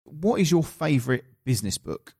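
A man's voice: fairly high pitch, sing-song, normal speed, vocal fry, a little mellow, slightly rough. A man with an Essex accent hosting a podcast conversationally, speaking straight to listeners in an emphatic, encouraging way. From England. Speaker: podcast host and coach. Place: office studio.

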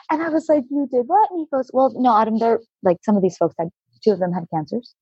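Woman, casual storyteller, animated, laughing, husky edge, dull dry recording. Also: a little high, brisk, no echo. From Alaska. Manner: animated, laughing, acts out quotes. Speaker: guest. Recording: dull, slightly lo-fi, dry sound.

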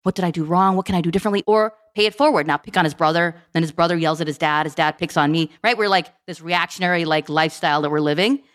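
A middle-aged woman speaks as a guest on an interview podcast. She talks quickly and tells her story in an animated way, acting out the lines of the people in it. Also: on the low side. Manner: fast, animated storytelling with quoted dialogue. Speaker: guest, program management director.

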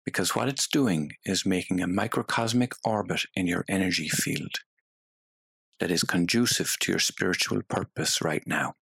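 A man leading a guided meditation in a soothing, hypnotic way, with long pauses between phrases. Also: deep voice, vocal fry, fairly bright tone, husky, no echo.

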